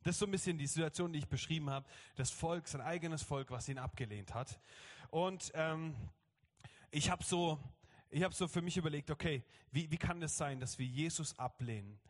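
German pastor preaching in a reverberant hall. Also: male voice, a little high, moderate pace. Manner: lively, acts out quoted voices. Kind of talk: sermon. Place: church hall.

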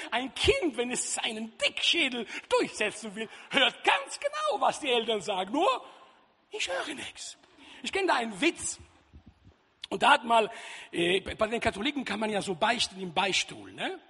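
A man preaching a sermon in a church hall, lively and jokey with loud outbursts. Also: extremely high pitch, moderate pace, breathy edge. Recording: reverberant hall.

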